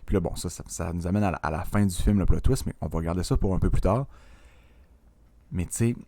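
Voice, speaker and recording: Young Quebec podcast co-host, man, low voice, quick and excitable, lots of fillers, dry recording. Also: no room sound. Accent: Quebec French. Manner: animated, filler-heavy, mixes in English words. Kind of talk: casual film discussion.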